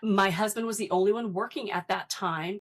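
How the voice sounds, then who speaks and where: A woman's voice: mid-range voice, moderate pace, husky. A woman hosting a casual roundtable conversation, chatty and laughing easily. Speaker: host.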